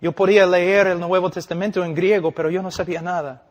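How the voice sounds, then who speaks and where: A middle-aged man preaching a sermon with passion, swinging between loud declarations and hushed emphasis, full of rhetorical questions. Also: sits high, steady tone, fairly quick. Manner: rhetorical questions and vivid storytelling. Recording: long reverb of a large hall.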